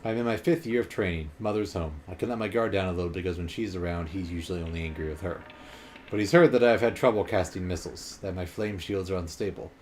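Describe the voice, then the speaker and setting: A man voicing a haunted young male elf wizard, reading his memories in a quiet, measured way. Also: low-pitched, a little hiss or hum, lightly acted. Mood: somber.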